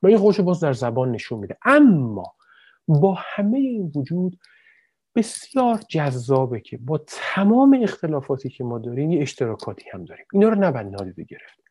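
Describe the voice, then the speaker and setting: Male lecturer, lively and direct with listeners, fillers and restarts; mellow timbre, dry recording. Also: a little high, husky, no room sound. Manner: animated, addresses listeners directly with many examples; frequent fillers and self-corrections. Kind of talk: explanatory talk on language and emotion.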